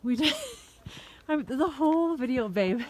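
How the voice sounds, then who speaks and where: A woman's voice: high-pitched, animated, measured pace, background noise. A middle-aged woman vlogging casually on an outdoor mountain trail, joking and a bit out of breath, talking into a handheld camera. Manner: chatty, joking, laughs often. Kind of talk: casual hiking vlog.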